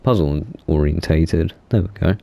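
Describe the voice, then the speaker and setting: A young gaming YouTuber rambles casually about video games, correcting himself and using lots of fillers. He speaks a little slowly in a bass voice that's gravelly yet mellow.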